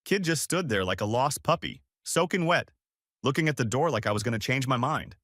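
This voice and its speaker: A man's voice: mid-range voice, lively intonation, fairly quick, a bit bright, no echo, studio quality, pitched above the performer's own voice. A man voicing a boastful, scornful middle-aged father bragging to his friends at a bar. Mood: mocking boastful.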